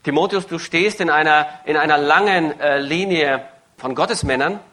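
Male live interpreter, bright and forceful tone, keeps pace phrase by phrase, small stumbles and self-corrections. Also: on the high side, moderate pace. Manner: follows phrase by phrase, occasional hesitations and self-corrections.

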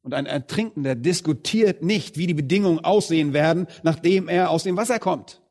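A man preaching a sermon, addressing the congregation directly. He stresses some phrases loudly and drops others low and quiet. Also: fairly quick. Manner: emphatic, swings between loud stresses and quiet low phrases.

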